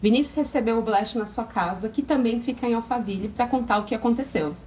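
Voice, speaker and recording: A Brazilian woman narrating a news report, brisk and matter-of-fact. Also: on the high side, a little mellow, slight background noise.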